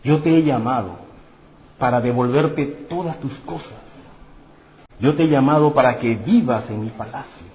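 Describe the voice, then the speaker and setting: A man's voice: mid-range voice, moderate pace, a little mellow, close to an everyday voice. King David, a man playing a merciful warrior king. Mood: reassuring. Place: church hall. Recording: echoey church hall, dull sound.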